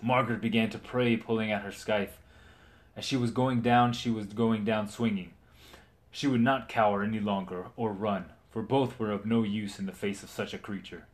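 A man's voice: on the low side, fairly even intonation, normal speed. A man reading a fantasy story aloud dramatically, stumbling and restarting now and then.

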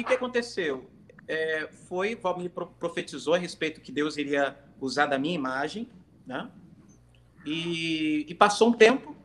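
A man's voice: on the high side, a bit bright, a little hiss or hum. Hesitant man telling a faith story. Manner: hesitant, many restarts and fillers, storytelling. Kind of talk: casual livestream testimony. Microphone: phone during a livestream.

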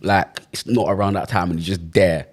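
A man's voice: low voice, fairly even intonation, normal speed, slightly rough. A young man with a London accent, hosting casual podcast banter in roadman slang. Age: young adult.

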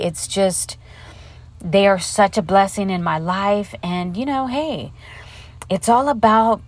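Recording from a hotel closet with her podcast mic, a podcast host talks on her own in a casual monologue. Her voice is mid-range and darkish, and she chats openly, swearing a lot as she tells her stories.

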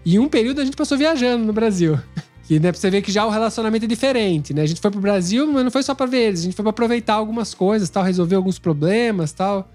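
A young man with a Brazilian accent telling a story in a relaxed, chatty way, with many fillers. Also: high-pitched, fast, faint music behind. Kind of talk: casual storytelling chat.

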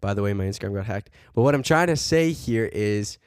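A man's voice: lowish voice, expressive, fairly quick, clear, resonant tone, no echo, clean studio sound. Fired-up, preachy podcast man. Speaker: podcast co-host. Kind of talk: casual podcast chat.

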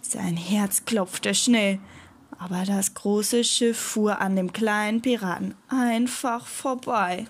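A woman reading a children's adventure story aloud in a gentle storytelling manner. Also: mid-range voice, steady tone, slow.

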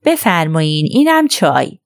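A woman's voice: low-pitched, big pitch swings, no room sound, studio quality. A woman voicing a cheerful, bustling middle-aged nurse who talks in a chirpy, coaxing way.

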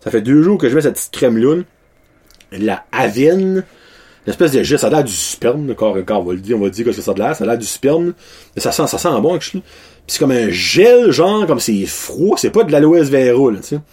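A man's voice: mid-range voice, sing-song, brisk, mellow, slightly rough. A man in his thirties with a Québécois French accent, casually chatting to his followers in a loose, slangy way and mixing in English words. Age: 30s. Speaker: vlogger.

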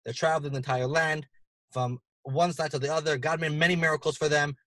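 A man co-hosting a podcast, retelling a scripture story in a casual, animated way and acting out the quoted lines. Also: brisk, dry recording. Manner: animated, acts out quoted lines with big jumps in pitch. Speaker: podcast co-host explaining the weekly Torah portion.

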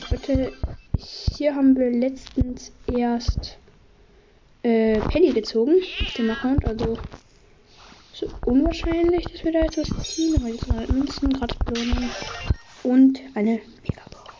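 Hoarse woman doing upbeat game commentary. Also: high-pitched, noisy background. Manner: upbeat, reads out item counts in quick bursts. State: slightly hoarse from a cold. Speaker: gaming channel host. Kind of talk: casual gameplay commentary. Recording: dull lo-fi audio with game music. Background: game music.

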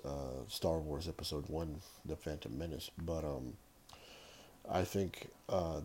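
A middle-aged man hosting a podcast, chatting casually about movies in a rambling, halting way. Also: low voice, darkish tone, a little hiss or hum. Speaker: podcast host. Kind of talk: casual solo movie-review chat.

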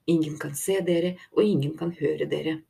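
A deep-voiced, utterly calm man who sounds bored by his captives, as a woman reads him. The voice drops low and stays flat and unhurried, with a dark, husky color. He sighs more than he argues in this storybook voice. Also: full character voice.

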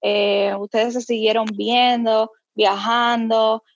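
A woman's voice: on the high side, flat delivery, takes it slowly. A woman interviewing a guest in a casual chat, curious and asking many questions. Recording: slightly dull, dry sound.

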